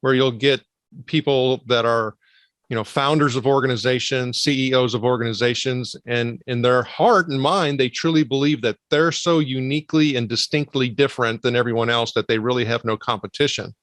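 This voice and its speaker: Man, mid-pitched voice, podcast host who asks long, measured questions, very dry close mic. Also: fairly even intonation, a bit bright, no echo. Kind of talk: casual interview conversation.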